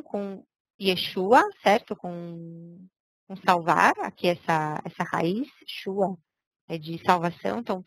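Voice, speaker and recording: A woman's voice: mid-range voice, a bit bright, no echo, poor audio. A woman teaching a language lesson, patiently explaining step by step and checking in with her students. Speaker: Hebrew teacher.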